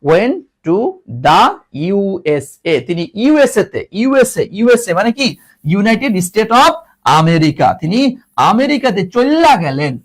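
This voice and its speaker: A man teaching an English grammar lesson to students, mixing English and Bengali with a Bangladeshi Bengali accent and teasing the class. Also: high-pitched.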